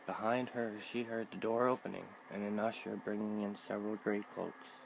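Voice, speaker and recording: A man reading a fantasy book aloud in a measured, steady narration. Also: on the low side, gravelly, noisy background. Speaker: reader. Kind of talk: audiobook narration.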